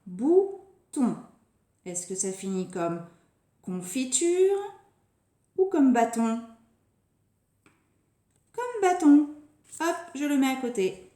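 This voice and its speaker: A woman teaching a phonics lesson to young children, stretching and repeating each word slowly and deliberately. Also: high-pitched, sing-song, warm tone. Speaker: preschool teacher. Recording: echoey room.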